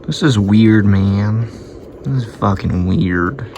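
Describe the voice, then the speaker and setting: Low-pitched and mellow, this man takes his time as he thinks aloud while fixing radios. It's a noisy home video of a hobbyist filming his repair work, full of casual swearing and quiet musing to himself.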